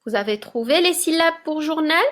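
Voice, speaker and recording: A primary school teacher, recorded in a classroom for a remote lesson, gives young children a spelling dictation, reading each word slowly and clearly while encouraging them. Her voice sits high, is expressive, and has a slightly bright quality.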